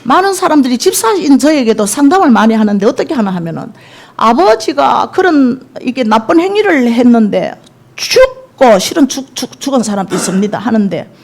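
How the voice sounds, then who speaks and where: A woman's voice: on the high side, sing-song, brisk, a little mellow. A middle-aged woman evangelist giving a sermon testimony, telling stories with feeling and acting out quoted speech. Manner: emotional storytelling, acts out quoted speech.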